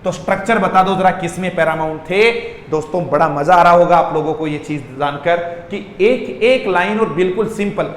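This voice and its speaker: An energetic male English teacher, forever quizzing his class and making them repeat words. His voice sits a little high. It rings out in a roomy space with a long tail of reverb and faint background noise. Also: normal speed, hardly any pauses. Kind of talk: online lesson in Hindi mixed with English.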